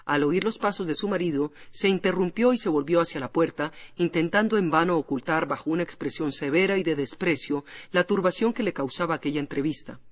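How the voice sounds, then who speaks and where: Man narrating a classic novel, high voice. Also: brisk, hardly any pauses. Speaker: audiobook narrator. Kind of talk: scripted literary narration. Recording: long hall reverb.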